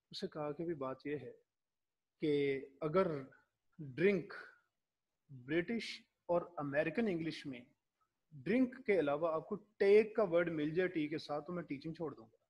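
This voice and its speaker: Husky higher-voiced male lecturer. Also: long pauses, darkish tone. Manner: mixes Urdu with English terms, poses rhetorical questions. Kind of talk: classroom lecture.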